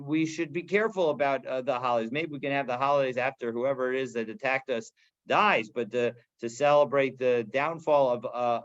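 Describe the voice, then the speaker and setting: A man teaching a daily Talmud class, reading Aramaic phrases and translating them in a casual, halting way. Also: mid-range voice, highs cut off.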